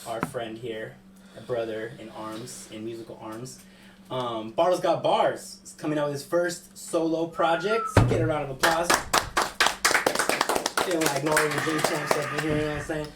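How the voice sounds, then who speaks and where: A man's voice: fairly high pitch, fairly even intonation, moderate pace. A man hosting a podcast in a casual, swearing way, trailing off with fillers. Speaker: podcast host. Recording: echoey room, mic at a distance, hissy.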